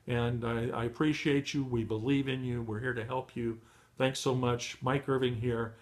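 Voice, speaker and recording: A middle-aged man giving a motivational training talk to beginners, encouraging and full of fillers and restarts, his voice going hoarse. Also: medium pitch, steady tone, moderate pace. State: losing his voice. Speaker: online marketing trainer.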